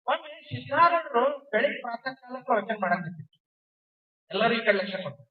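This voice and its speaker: A man tells devotional stories to a seated crowd and drives his points home through repetition. His voice sits very high for a man. It comes from far off the mic through a thin, phone-like sound. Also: big pitch swings, brisk. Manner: storytelling, with repeated emphatic phrases. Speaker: religious speaker. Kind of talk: devotional discourse to a seated gathering. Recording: distant, tinny phone-like sound.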